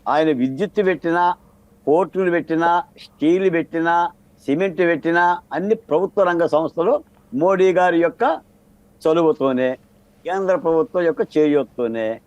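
A man's voice: a little high, moderate pace, a little mellow, no room sound, dull audio. A man speaking as a political analyst in a televised debate, arguing his case with a stream of rhetorical questions. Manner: argumentative, fires rhetorical questions. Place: TV studio debate set.

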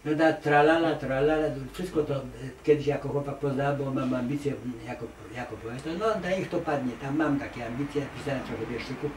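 A man's voice: medium pitch, fairly quick, hardly any pauses. Artist guy in an interview, emphatic and rambling, lots of ums, mic far away, roomy echo. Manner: emphatic, digressive, with many hesitations and repeated "nie". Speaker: artist interviewed as award laureate. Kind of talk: conversational interview answers. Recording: echoey room, distant mic, faint noise.

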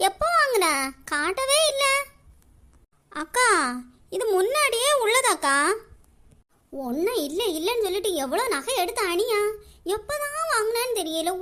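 A woman's voice: extremely high pitch, fairly bright tone, full character voice. A woman voicing a gossipy, boastful village auntie in a cartoon. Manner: chatty, gossipy.

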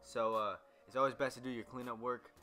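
A man's voice: mid-range voice, steady tone, brisk, bright, forceful tone, soft background music. A young man, a barber, talking loosely through a haircut tutorial with lots of ums and restarts. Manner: loose, rambling, many fillers. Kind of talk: casual voice-over tutorial.

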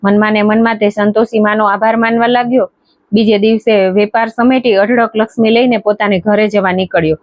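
A woman's voice: mid-range voice, steady tone, fairly quick, no echo. Woman narrating a devotional tale. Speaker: storyteller. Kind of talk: reading a devotional folk tale. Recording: dry, dull lo-fi recording.

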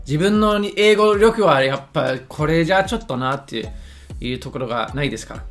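A man's voice: on the high side, lively intonation, brisk, soft background music. A man giving casual, joking commentary on a lesson video, often stumbling over his words and making fun of himself. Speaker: YouTuber reacting to a lesson video.

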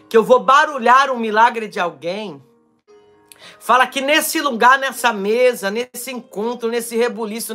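Brazilian male pastor, live-stream prophetic sermon; fervent, shouting, strained throat, bright edge, faint music under. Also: very high-pitched. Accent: Brazilian Portuguese. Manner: fervent, shouting, swings between loud cries and quiet asides.

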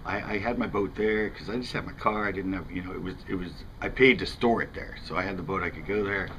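Here the fishing host, an American man in his fifties, rambles conversationally to the camera while outside by a house window. His low voice moves quickly and carries a bit of brightness, with a faint hiss or hum in the background.

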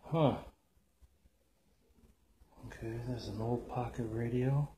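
This exploring video is hosted by a man speaking slowly in a medium-pitched, dark voice, with slight noise behind him. Filming at an abandoned house, he keeps up loose, unplanned commentary full of muttered exclamations and occasional swearing.

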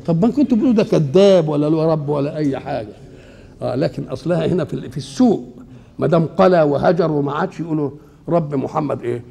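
Gravelly older Egyptian man teaching. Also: a little high, fast talker. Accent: Egyptian Arabic. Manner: asks questions and answers them himself, colloquial and lively. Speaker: Islamic scholar. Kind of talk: Quran exegesis lesson. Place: seated indoors.

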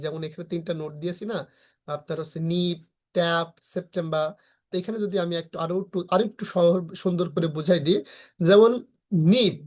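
Patient teacher sounding words out slowly. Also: medium pitch. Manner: patient, repetitive explaining with frequent check-ins. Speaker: English pronunciation teacher. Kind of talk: recorded online class lecture.

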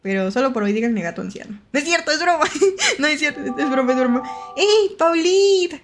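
Mexican vtuber girl, kinda high voice, giggly and jumpy, chatting w chat during horror game. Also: lively intonation, fast, faint music behind. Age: young adult. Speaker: VTuber streamer.

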